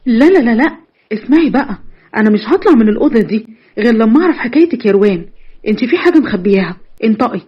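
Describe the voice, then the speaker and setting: Woman doing insistent Egyptian kid sister, high, rapid, husky edge. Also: animated, highs cut off. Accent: Egyptian Arabic. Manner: insistent, frantic. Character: younger sister, pushy and excitable.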